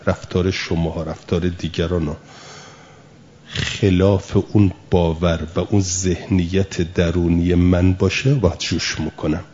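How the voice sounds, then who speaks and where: A man's voice: low-pitched, level tone, darkish tone, highs cut off, slight background noise. A man teaching a lesson, patiently explaining through everyday examples and asking rhetorical questions. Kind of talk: spoken lesson.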